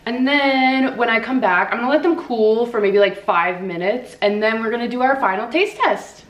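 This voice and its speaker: A woman's voice: a little high, moderate pace. A young woman vlogging while baking, talking casually and hesitantly with lots of ums and likes. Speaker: cooking vlogger. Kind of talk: casual chat. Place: home kitchen. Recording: echoey room, mic far off.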